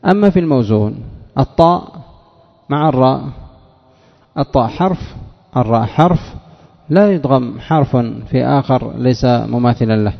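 Male teacher running a question-and-answer grammar class, deliberate and methodical, echoey room, dull lo-fi recording. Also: mid-range voice, animated, creaky. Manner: quizzes students by name, spells out word patterns deliberately. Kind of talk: grammar lesson with questions to students.

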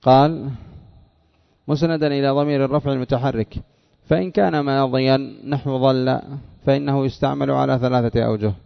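Gravelly man teaching grammar, lo-fi. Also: mid-range voice, steady tone. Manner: quizzes listeners and answers his own questions; slows right down to spell out example words. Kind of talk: classroom lesson reading and explaining a text.

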